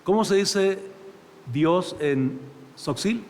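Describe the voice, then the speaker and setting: A man's voice: high voice, lively intonation, drawn-out words, darkish tone, long reverb tail, a little hiss or hum. A man with a Mexican accent, a pastor preaching a sermon in a conversational way and often calling the congregation "brother". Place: church.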